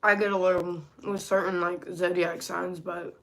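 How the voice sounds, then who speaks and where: A woman's voice: fairly low pitch, level tone, normal speed, a bit bright, low-quality recording. A tired woman talking casually on a livestream while she eats, answering questions, her mouth sometimes full. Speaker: live streamer.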